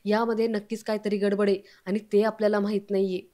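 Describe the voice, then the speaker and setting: A woman reading the lines of a suspicious middle-aged man voicing his doubts, in a mellow, flat voice. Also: mid-range voice, fast, lightly acted.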